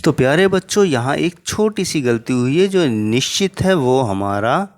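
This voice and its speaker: A man's voice: mid-range voice, lively intonation, a little slow. A man teaching a Hindi grammar lesson to children, patiently spelling out each example.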